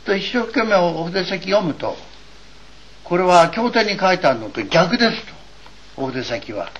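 A man's voice: sits high, expressive, a little slow, fairly bright tone. An older man from eastern Japan gives an earnest, wry and digressive doctrinal lecture as a religious teacher. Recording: dull lo-fi recording with faint hiss.

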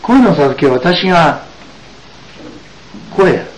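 Man giving a lively religious lecture. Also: on the high side, rough recording. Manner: emphatic, with frequent drawn-out asides. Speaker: religious teacher.

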